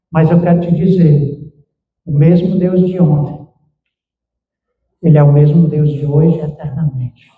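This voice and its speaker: High-voiced pastor preaching in a church. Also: male voice. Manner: preaching with emphatic swings. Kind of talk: sermon. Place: church sanctuary. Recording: echoey church, distant mic, muffled.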